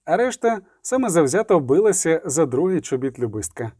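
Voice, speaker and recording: Mellow-voiced male audiobook narrator. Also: fairly high pitch, very animated, a little fast, husky, no room sound, clean studio sound. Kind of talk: scripted fantasy audiobook narration.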